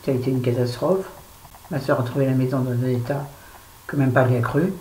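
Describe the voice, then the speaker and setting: A woman in her fifties with a very deep, dark voice talks briskly to camera in a casual unboxing vlog, rambling between topics with blunt, self-mocking remarks. She sounds stressed and somewhat irritable. The echoey room carries faint background ambience plus a little hiss or hum.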